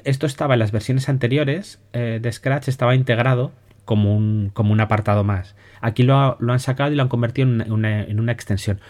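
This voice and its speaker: A man with a Spain Spanish accent talks through educational software on his podcast. His delivery is loose and conversational, with frequent restarts and a habit of checking in with listeners. His pitch sits in an ordinary middle range. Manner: relaxed, conversational, many restarts and "¿vale?" checks. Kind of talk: casual spoken explainer.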